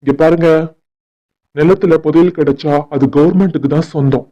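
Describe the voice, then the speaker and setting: Brief: patient male cartoon officer boss, slightly high voice , played by a man. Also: steady tone, a little fast, warm tone, highs cut off, close to an everyday voice. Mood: calm. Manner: instructing, patient.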